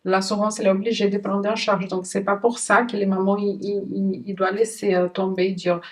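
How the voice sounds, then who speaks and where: A woman who is a mother, hosting a conversational interview, talking in an earnest, halting way with frequent restarts. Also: medium pitch, flat delivery. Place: lives in Switzerland. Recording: voice somewhat distant from the mic.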